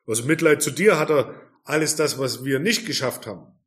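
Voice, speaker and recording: A man's voice: medium pitch, normal speed, a bit bright. Earnest German-speaking male preacher. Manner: earnest, emphatic preaching with rhetorical questions. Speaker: pastor. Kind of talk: sermon.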